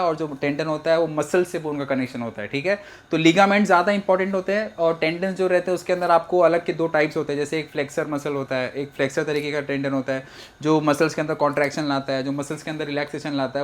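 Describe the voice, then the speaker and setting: Young male tutor, slightly high voice, loose joking delivery, casual lecture read. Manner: chatty, joking, mixes English phrases into Hindi. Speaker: biology teacher. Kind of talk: casual exam-prep lecture.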